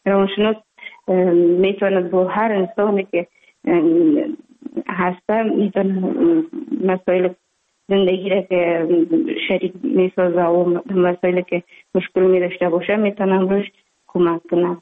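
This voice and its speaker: Afghan dari woman, psychologist, flat even voice, lots of ums and pauses, tinny phone line. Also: fairly low pitch. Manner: hesitant, many pauses and fillers. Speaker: psychologist guest. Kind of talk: phone interview on radio.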